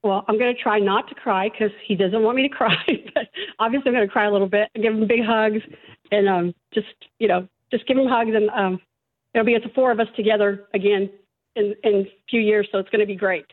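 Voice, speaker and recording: Fast-talking woman on a tinny phone line. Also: medium pitch, steady tone. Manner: quick, earnest, relieved. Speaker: mother of a freed prisoner, guest. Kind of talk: remote news interview.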